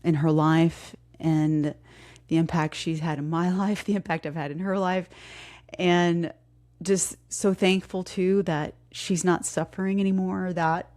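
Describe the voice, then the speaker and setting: A low-voiced middle-aged woman hosts her fitness podcast in grief. She speaks candidly and emotionally, close to tears, with many fillers, pauses and restarts. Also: a little mellow. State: grieving, near tears. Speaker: podcast host and fitness coach. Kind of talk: casual heartfelt podcast talk.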